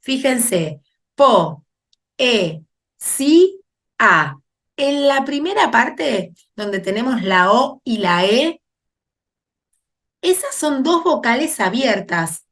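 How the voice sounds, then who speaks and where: A woman's voice: fairly high pitch, animated, slow pace, fairly bright tone. A woman teaching a grammar lesson, explaining patiently and checking in with her students as she goes.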